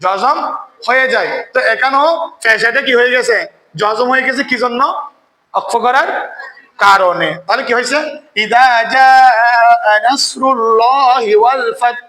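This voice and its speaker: A male recitation teacher with a high, bright voice, quizzing his class question after question. He keeps checking whether the students have understood. The sound is roomy and echoing. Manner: chants verses slowly when demonstrating recitation. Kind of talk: classroom tajweed lesson.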